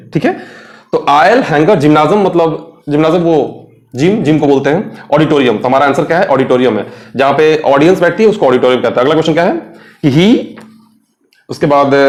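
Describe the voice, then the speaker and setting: A man's voice: fairly high pitch, reverberant. A man teaching an exam-prep English lesson, chatty and reassuring, spelling words out letter by letter.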